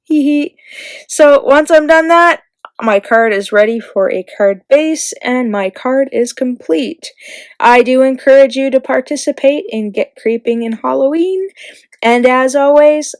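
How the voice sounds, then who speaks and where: A woman's voice: high-pitched, measured pace, dry recording. A woman talking through a card-making tutorial in a chatty, giggly way, correcting herself as she goes. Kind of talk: casual craft tutorial voice-over.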